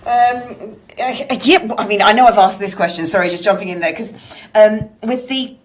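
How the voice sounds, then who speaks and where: A woman's voice: medium pitch, moderate pace. A woman co-hosting a casual chat show, chatty with enthusiastic interjections. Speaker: co-host.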